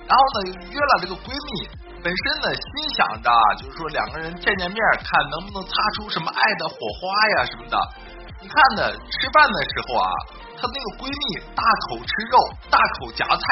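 A man telling comic stories in a chatty way, talking to a sidekick and laughing at his own jokes, over a dull recording with music behind. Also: high-pitched. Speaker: joke-telling host. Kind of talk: comic storytelling.

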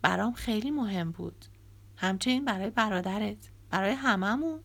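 A woman's voice: mid-range voice, animated, gravelly, fairly bright tone. A woman reading an audiobook, voicing a bitter, resentful young man who used to be a drummer and speaks with angry sarcasm.

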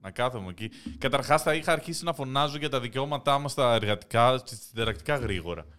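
A young man in casual podcast chat, an animated storyteller who laughs often. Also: medium pitch. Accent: Greek. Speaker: podcast co-host.

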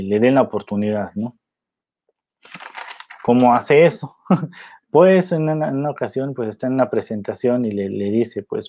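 A man talking casually about films, rambling with many fillers and tag questions. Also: medium pitch. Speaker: film commentator. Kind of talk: casual film commentary. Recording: dull lo-fi recording.

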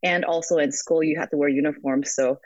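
A woman's voice: deep voice, fairly even intonation, brisk, dry recording. A young woman with an American accent, speaking reflectively in a remote interview, with many ums and restarts. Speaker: guest. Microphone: phone app call. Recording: dry, dull call audio.

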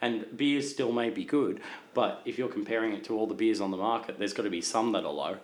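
A man's voice: fairly low pitch, fairly quick, echoey room. A man, co-hosting a casual podcast chat and giving blunt opinions. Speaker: podcast co-host.

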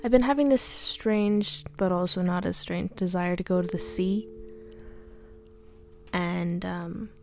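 A young woman rambling hesitantly through a personal audio diary, often trailing off and sometimes dropping to a soft whisper. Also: on the low side, steady tone, slow pace. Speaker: podcast diarist. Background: faint background music.

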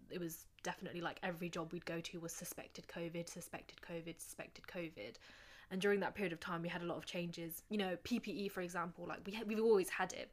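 Low-voiced woman, calm paramedic chat. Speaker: paramedic, podcast co-host. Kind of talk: casual chat.

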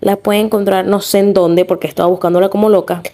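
A woman's voice: mid-range voice, little pitch movement, quick pace, mellow. A young woman with a Venezuelan accent hosting a casual podcast monologue, chatty and rambling, full of fillers and self-corrections. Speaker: podcast host.

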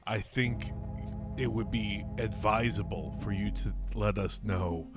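A man voicing a courteous, formal male noble caught up in a civil war, speaking in measured, deliberate phrases. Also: fairly low pitch, over loud music, lightly acted. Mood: inquiring.

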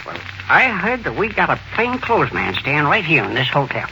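A man playing an excitable, nosy old hotel clerk with folksy, stammering speech in 1940s radio style. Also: a little high, normal speed, creaky, full character voice. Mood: gossipy. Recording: old radio recording, faint noise.

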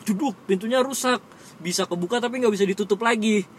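A man's voice: sits high, fast talker, slight background noise. A young man with telling a school story in casual chat, laughing often and acting out the voices of the people he quotes.

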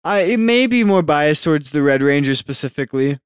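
A young man with a stutter picks his words slowly, restarting often in a casual movie chat. His voice is a bit high, clean and smooth, recorded dry and close. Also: animated, dry recording. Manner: hesitant, restarts a lot, stutters. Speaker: movie watch-along co-host.

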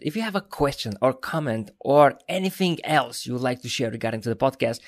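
A man's voice: medium pitch, gravelly. A man hosting a podcast, eagerly chatting with and questioning his guest. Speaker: podcast host. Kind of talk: casual interview.

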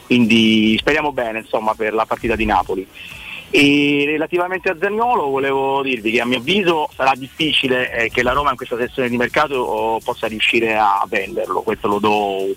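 A man calling in over the phone, speaking in a measured, articulate way with frequent short pauses. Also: medium pitch, fairly bright tone, low-quality recording. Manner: measured, articulate, many "eh" fillers. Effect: heard over the phone. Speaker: radio caller. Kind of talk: casual call-in chat.

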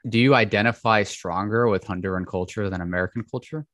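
Deep-voiced male podcast host, steady delivery, dry close recording. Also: fast, dry recording. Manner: steady, reads bio then chats. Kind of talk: scripted intro then casual chat.

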